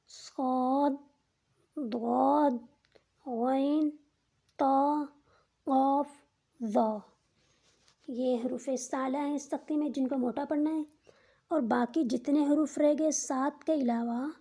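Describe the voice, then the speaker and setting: A woman teaching a step-by-step Quran recitation lesson, speaking slowly and deliberately and drawing out each letter sound as an example. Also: high voice, mellow, breathy edge. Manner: patient, explains each rule twice in simpler words.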